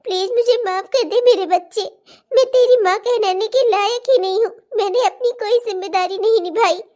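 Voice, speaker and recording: A woman's voice: very high voice, normal speed, darkish tone. A woman voicing a remorseful mother in a cartoon, speaking through tears. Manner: tearful, remorseful. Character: remorseful older mother, tearful. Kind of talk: cartoon voice acting.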